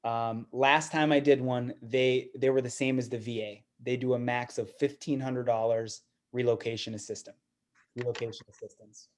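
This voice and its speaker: A man's voice: mid-range voice, steady tone, normal speed. A man giving a casual, conversational seminar talk to an audience of investors, often repeating words. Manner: conversational, repeats words, fillers like "you know". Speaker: guest speaker at investor meeting.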